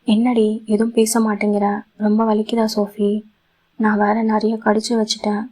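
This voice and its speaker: A woman's voice: medium pitch, monotone, moderate pace, warm tone, natural voice, rough recording. A woman voicing a tender young husband. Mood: worried tender.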